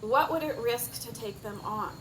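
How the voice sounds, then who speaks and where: Higher-voiced woman officiating a wedding outdoors. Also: normal speed. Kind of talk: wedding ceremony speech with advice. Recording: clear insect and outdoor background noise.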